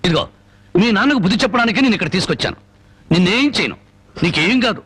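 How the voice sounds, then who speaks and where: An actor playing a fiery, defiant man who thunders speeches and makes comically gruff threats in a film scene. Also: sits high, very animated, fast, no echo, heavily acted. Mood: comic bluster. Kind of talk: Telugu film dialogue. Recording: film soundtrack with loud music.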